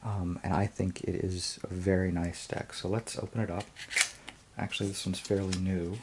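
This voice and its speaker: A very low-voiced man with a husky, mellow tone talks through a tarot deck card by card. His delivery stays flat and even, full of ums and small restarts as he thinks aloud in a relaxed review. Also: normal speed. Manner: hesitant, frequent ums and restarts. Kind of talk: casual unboxing review.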